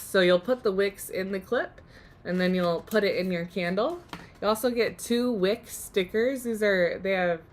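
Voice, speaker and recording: A woman's voice: medium pitch, a little hiss or hum. A woman host losing her voice, giving a chatty, upbeat live DIY demonstration. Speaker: workshop host.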